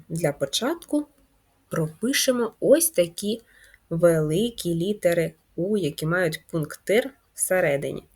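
Husky woman teaching little children. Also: on the low side, a little mellow. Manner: slow, clear, sing-song teacher talk to young children. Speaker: primary school teacher. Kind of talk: video lesson for first graders.

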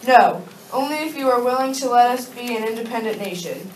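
A sock-puppet leader, played by a young woman in an amateur show, reciting stiffly. The voice is fairly high and comes from off the mic in a very echoey room. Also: lively intonation, brisk, a little mellow, close to an everyday voice. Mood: commanding, grave. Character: sock-puppet Confederate leader, commanding interviewer. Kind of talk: amateur puppet-show role-play, scripted. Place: darkened room with projection screen, puppeteers low at front. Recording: echoey room, distant mic, faint noise.

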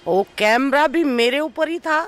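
An actress being interviewed, telling an emotional personal story and acting out what others said. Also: female voice, high voice, expressive, a little slow, a little hiss or hum. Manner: recounts events by acting out others' speech.

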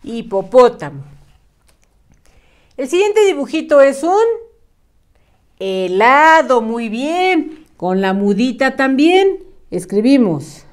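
A woman's voice: high voice, sing-song, slow pace, pauses often. A woman teacher giving a patient writing lesson to young children, encouraging them and sounding words out syllable by syllable.

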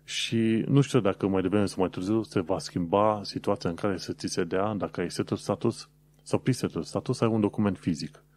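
A man's voice: sits low, darkish tone, slight background noise. A man from Romania hosting his own podcast, explaining practical tips in a casual, conversational way with frequent hesitant fillers. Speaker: podcast host.

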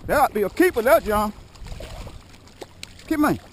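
A man fishing from a kayak outdoors, chatting casually to viewers and his partner, often excited. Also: sits high, normal speed, a little hiss or hum. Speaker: kayak angler filming his trip. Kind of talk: casual fishing vlog chat. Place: kayak on open water outdoors. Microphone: action camera mounted on the kayak.

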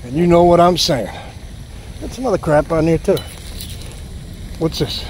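This vlogger magnet fishes at the edge of a city pond, offering a casual running commentary and exclaiming as items come up. His voice is on the high side, with lively intonation at a moderate pace. Captured on a chest-mounted action camera, the audio is poor and full of wind and water noise.

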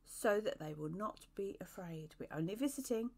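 A woman's voice: medium pitch, expressive, normal speed, creaky, darkish tone. A woman voicing a careful guardian angel giving earnest warnings in a storybook reading. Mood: admonishing. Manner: earnest, admonishing.

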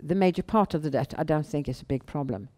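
A woman's voice: low-pitched, lively intonation, quick pace, dark tone. Middle-aged woman with a Swedish accent. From Sweden. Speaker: guest, bank founder and chief executive. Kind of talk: answering questions in a live on-stage interview. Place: indoor event room on a small stage. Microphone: headset.

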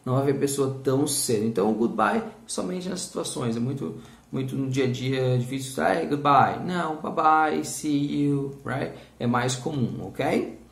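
Professor animado, voz grave e rouca, sala ecoante. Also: male voice, mid-range voice, normal speed, vocal fry, roomy sound. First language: Portuguese. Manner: energetic, drills learners with repeat-after-me. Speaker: English teacher. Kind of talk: video English lesson.

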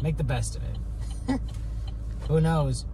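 A man's voice: on the high side, slow. A young man from Michigan vlogging while driving, tired, rambling and often repeating and correcting his words. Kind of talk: casual talk to camera while driving. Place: inside a car on town streets. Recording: distant mic, loud road noise.

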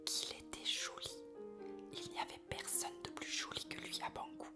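Whispering woman reading a story over piano. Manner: soft, breathy whisper throughout, slow storytelling. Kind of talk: whispered ASMR reading of a novel. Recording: piano music behind the whisper. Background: piano music.

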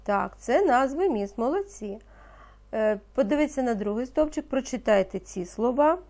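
A woman teaching a reading lesson to young children, speaking slowly and patiently and pronouncing each word with care. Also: on the high side, expressive, a little mellow. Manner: slow, patient, encouraging, pronounces words carefully. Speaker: primary school teacher.

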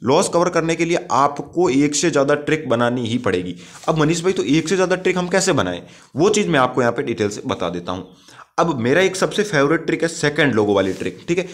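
A man with a somewhat high-pitched voice hosts an informal walkthrough of a game on screen. He is blunt and repetitive, calls the viewer brother, and keeps checking that his point has landed. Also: animated, fairly quick. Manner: direct and repetitive, often checking the listener understood. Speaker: YouTube gaming-tips host. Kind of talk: casual tutorial narration over gameplay.

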